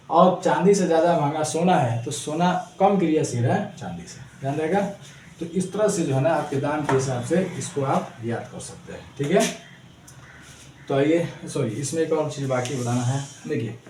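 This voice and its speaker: A man's voice: on the high side, darkish tone. A man teaching a school chemistry class in with a tinge. He repeats key points with "ठीक है" and drills students with rhyming memory chants. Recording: echoey room, mic far off, faint background noise.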